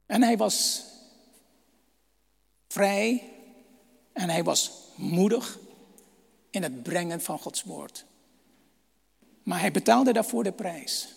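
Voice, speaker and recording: A man's voice: sits high, expressive, takes it slowly, creaky, long pauses, breathy edge, in a large hall. A man preaching a sermon, reading Bible verses and asking rhetorical questions.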